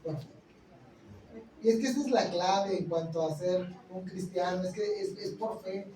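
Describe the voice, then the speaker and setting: A male pastor preaching a lively sermon full of exclamations of praise. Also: sits high, a little slow. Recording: echoey room, speaker far from mic, faint noise.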